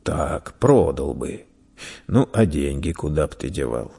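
A man voicing a burly red-bearded merchant who scolds and mocks a young thief loudly. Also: rumbling low, very animated, unhurried, gravelly, husky, voice pushed down, heavily acted. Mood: mocking. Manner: loud, scolding, teasing.

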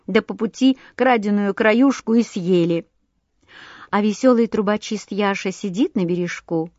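Female storybook narrator, slow and expressive, dry close sound. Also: mid-range voice, dry recording, lo-fi sound. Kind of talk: children's storybook reading.

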